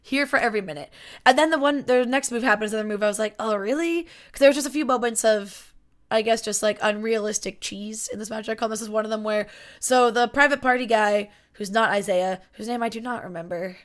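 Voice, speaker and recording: Chatty woman, slightly high voice. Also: fast talker. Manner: chatty, filler-heavy, animated retelling. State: yawning and hiccuping. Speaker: podcast co-host. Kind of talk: casual chat about wrestling.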